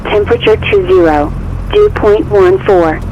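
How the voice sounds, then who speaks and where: A man's recorded airport weather broadcast played over an aircraft radio, read in a steady, measured way. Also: high-pitched. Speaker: automated airport information announcer. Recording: muffled radio audio with faint noise.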